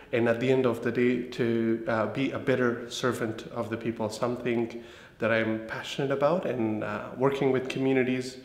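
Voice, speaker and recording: A man in his thirties from Afghanistan, answering interview questions in a formal, polished way. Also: mid-range voice. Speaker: development professional, program alumnus. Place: indoor room with shuttered window. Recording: echoey room with long reverb.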